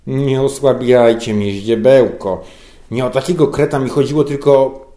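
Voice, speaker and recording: Mężczyzna grający nadętego, protekcjonalnego szefa. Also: male voice, mid-range voice, lively intonation, moderate pace, darkish tone, voice pushed up, close to an everyday voice. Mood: condescending. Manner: condescending, complaining. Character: pompous self-pitying male boss.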